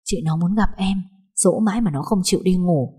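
Lady as a soft-spoken kind maid, low warm voice, story reading. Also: normal speed, husky. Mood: soothing. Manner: gentle, soothing. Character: kind middle-aged housemaid.

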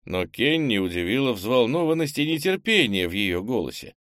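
A man narrating a novel as an audiobook in calm, even storytelling. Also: medium pitch, moderate pace, no room sound, clean studio sound. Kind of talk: scripted narration.

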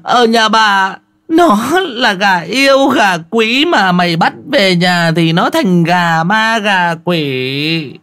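A man voicing a loud, self-pitying old village woman who screeches curses and wails. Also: high-pitched, animated, slow, pitched above the performer's own voice, heavily acted. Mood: furious cursing. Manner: screeching, cursing and wailing.

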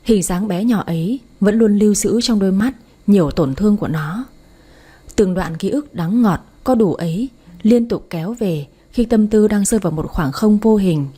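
A woman reading a romance story aloud in scripted narration, soft and emotive. Her voice is mellow and warm with a breathy, slightly husky texture. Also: mid-range voice. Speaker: audiobook narrator.

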